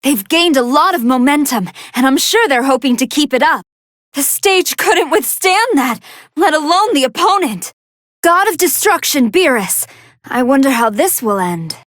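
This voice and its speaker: A woman voicing a polite, soft-hearted female android scientist who gives formal, earnest and expressive commentary on fights in a video game. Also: high-pitched, normal speed, dry recording, studio quality. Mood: composed, curious. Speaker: match commentator.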